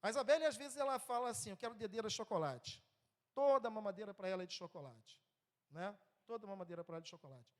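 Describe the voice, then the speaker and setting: A man's voice: sits high, fast. A man in his thirties with a Brazilian Portuguese accent, preaching a sermon in a church, conversational and often checking in with the congregation. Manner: lively, swings between loud and soft.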